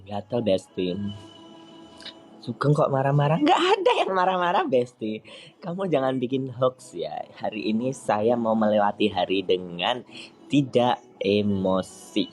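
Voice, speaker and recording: A man chatting casually on a live stream, answering viewer comments in a playful, teasing way with sudden high squeaky outbursts. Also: measured pace, a little mellow, soft background music. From East Java, Indonesia.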